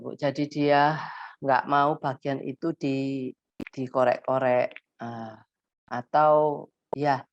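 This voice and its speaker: A woman therapist giving gentle advice to parents in a live question-and-answer session, thinking aloud as she goes. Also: low-pitched, dull audio.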